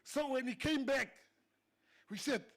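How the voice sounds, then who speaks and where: A South African government minister, an Afrikaans-speaking man with an extremely high-pitched voice, talks a little slowly. He's giving a humorous after-dinner speech in a banquet hall, telling stories and laughing at his own jokes.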